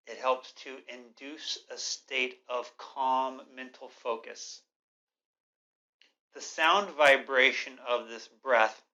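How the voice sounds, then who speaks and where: A man giving an instructional yoga breathing lesson in a measured, explanatory, gently instructive way. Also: mid-range voice, dull audio.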